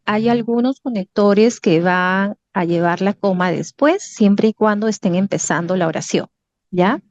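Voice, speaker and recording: Peruvian woman lecturing, dark dry voice. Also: medium pitch, no echo, muffled recording. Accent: Peruvian Spanish. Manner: patient, repeats "¿correcto?" and "¿ya?" to check understanding. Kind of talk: online academic writing lesson.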